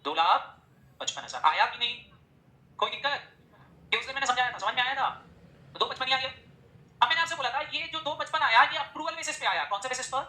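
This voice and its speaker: A male teacher giving a classroom lecture, firing quick questions at his students and pushing them to answer. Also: very high voice, lively intonation, pushed and bright. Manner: drills the class with rapid-fire questions. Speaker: accounting teacher. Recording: echoey room.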